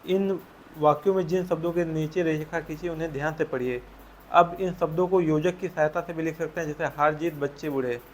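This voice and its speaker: A man's voice: on the high side, steady tone, fairly quick, slight background noise. A man teaching a school textbook chapter, patiently explaining answers and asking leading questions to his students.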